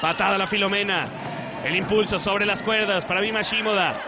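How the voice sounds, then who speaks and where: A man works as a lucha libre play-by-play commentator. He calls the action excitably and draws out his key words. Heavy noise covers the broadcast audio. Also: sits high, fairly quick, over a noisy crowd. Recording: very noisy arena broadcast audio.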